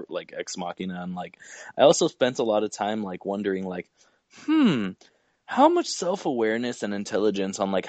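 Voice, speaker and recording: A man's voice: on the low side, no room sound. A man co-hosting a casual movie review podcast, rambling and hesitant, full of fillers and swearing. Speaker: podcast co-host.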